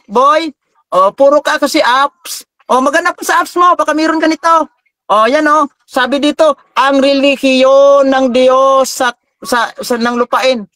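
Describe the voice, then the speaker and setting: A man's voice: extremely high pitch, a bit bright, no room sound. A man arguing in a religious debate, mocking his opponent and reading Bible verses aloud. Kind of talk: combative debate rebuttal.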